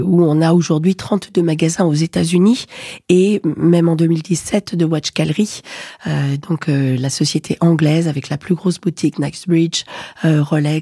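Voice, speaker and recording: A woman in her forties, an executive in luxury watch retail, answering interview questions in a measured way, with hesitations, self-corrections and a voice that sometimes cracks. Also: lowish voice, mellow, slightly rough, no echo, clean studio sound. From Ukrainian roots. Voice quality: voice occasionally cracking.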